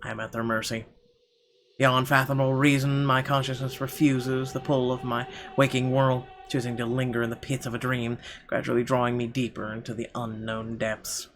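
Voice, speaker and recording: In an expressive, dramatic storytelling manner, a male let's player reads aloud the narration of a horror visual novel. He speaks at a moderate pace with a medium-pitched voice.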